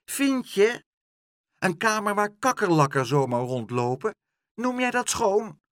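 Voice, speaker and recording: A man's voice: high voice, sing-song, unhurried, fairly bright tone, no echo, studio quality, pitched above the performer's own voice, exaggerated voice. A man reading a storybook aloud, voicing a smug, bossy middle-aged woman who gloats over her neighbour. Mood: smug, haughty. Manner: haughty and gloating.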